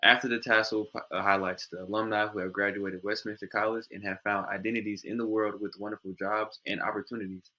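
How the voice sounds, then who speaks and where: A man with a lowish, bright, forceful voice hosting a college podcast. He talks in a chatty, enthusiastic way, moving from a scripted intro to loose stories. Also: level tone, fast, few pauses, muffled recording. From St. Louis, USA. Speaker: podcast host. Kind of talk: podcast interview.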